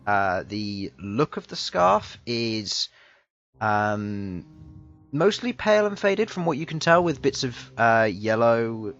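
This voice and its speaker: A man running a tabletop game as game master, describing scenes slowly with many fillers and pauses. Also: medium pitch, big pitch swings, a bit bright. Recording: dull lo-fi mic, faint music behind.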